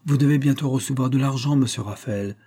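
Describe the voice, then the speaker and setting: A man reading an audiobook speaks the lines of a kindly older mother in a calm, soft tone. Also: medium pitch, brisk, natural voice.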